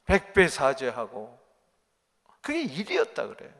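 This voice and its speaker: A pastor preaching a sermon, firing rhetorical questions at the congregation and swinging from loud to quiet. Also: male voice, mid-range voice, wildly swooping pitch, unhurried, vocal fry. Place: church sanctuary. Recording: long church reverb.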